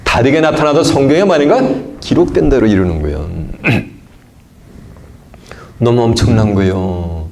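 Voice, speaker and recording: In this sermon, the pastor repeatedly asks his listeners questions and then supplies the answers. His voice swings from forceful emphasis to low asides; he's animated, keeps a moderate pace, and pauses frequently.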